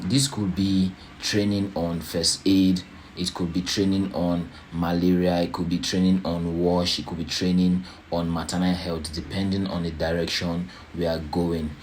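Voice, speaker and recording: A man with a low voice presents plans to volunteers as their organisation's leader. He speaks slowly and without hurry, explaining each point deliberately. Some background noise sits behind his voice. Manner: slow, unhurried, deliberate explaining; checks in with "right?".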